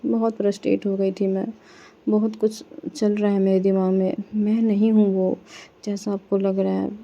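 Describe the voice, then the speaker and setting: A woman's voice: mid-range voice, flat delivery, creaky, mellow, dull audio, natural voice. A woman voicing a remorseful young woman pleading. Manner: emotional, pleading, halting repeats.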